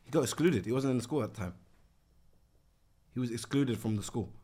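A man's voice: mid-range voice, lively intonation, brisk, mellow. A man in his twenties with a London roadman accent, chatting and telling stories in heavy street slang. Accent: London, urban street (roadman) style. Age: 20s. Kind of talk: casual slang-heavy banter and storytelling.

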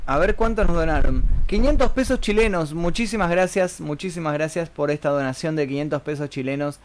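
A man's voice: on the high side, a little fast, a little hiss or hum. Slangy Buenos Aires man streaming. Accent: Buenos Aires Argentine Spanish. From Argentina. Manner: joking, slangy, reads chat messages aloud. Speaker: streamer reading viewer stories. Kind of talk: casual live-stream chat.

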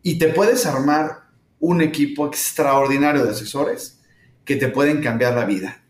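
Mexican guy explaining stuff slowly, lots of "eh" and "este", echoey room, mid-range voice. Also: medium pitch. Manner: thoughtful, hesitant with frequent fillers. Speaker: startup founder, guest. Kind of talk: conversational interview answers. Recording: roomy echo.

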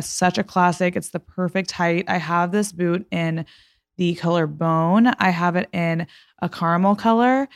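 A young woman hosts a podcast, chatting casually and emphatically with lots of "like" and also reading an ad. Her voice is lowish, and the studio-quality recording has no room sound.

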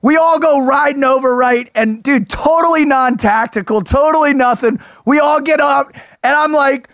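An American man hosting a show, telling stories in an animated, slangy, bro-ish way. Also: very high voice, normal speed, dry recording. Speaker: host of an interview show. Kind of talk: casual chat and storytelling.

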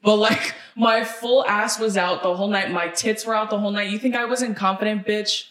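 A woman's voice: mid-range voice, steady tone, moderate pace, a bit bright, echoey room. A woman co-hosting a podcast in casual chat, sassy and blunt, swearing freely and repeating phrases for emphasis. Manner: emphatic repetition for effect. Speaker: podcast co-host.

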